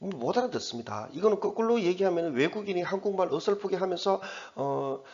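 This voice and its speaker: A man teaching English, going through an exam passage in a chatty way and reading the English words slowly. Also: high-pitched, animated, darkish tone, lo-fi sound. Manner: chatty, repeats himself, reads English slowly word by word.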